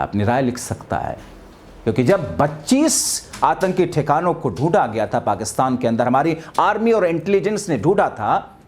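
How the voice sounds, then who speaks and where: A man's voice: medium pitch, darkish tone. A man hosting a political commentary show, combative and sarcastic, firing rhetorical questions at his viewers.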